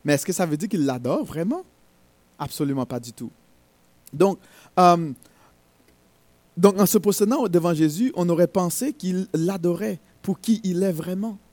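High-pitched man preaching, gets really fired up, dry close sound. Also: moderate pace, pauses often, darkish tone, dry recording. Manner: emphatic, rising to fervent exhortation. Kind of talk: sermon.

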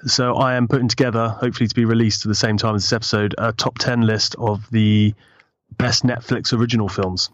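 A man's voice: on the low side, fairly even intonation, fairly quick, no room sound. Man on a dull, dry podcast mic. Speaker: podcast co-host. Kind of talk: casual chat.

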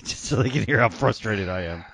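A man's voice: lowish voice, animated, a little fast, vocal fry, a bit bright. A middle-aged man hosting a casual podcast chat, teasing the others and laughing often. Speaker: podcast host.

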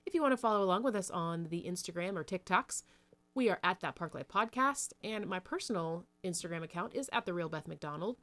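A woman's voice: fairly low pitch, expressive, brisk, a bit bright. A woman co-hosting a casual podcast, rambling cheerfully through the show's sign-off plugs. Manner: chatty, upbeat, rambling outro plugs. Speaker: podcast co-host.

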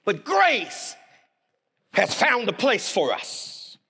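High, animated male preacher. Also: extremely slow, creaky, slightly rough. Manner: animated, emphatic preaching with sudden drops to quiet. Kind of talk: sermon. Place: chapel.

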